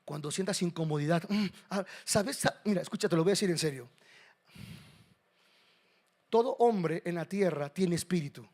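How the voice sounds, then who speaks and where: A male pastor delivering a sermon in a fairly high voice. He swings from loud calls to the congregation to soft, confiding asides, with an animated preaching delivery. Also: moderate pace, long pauses.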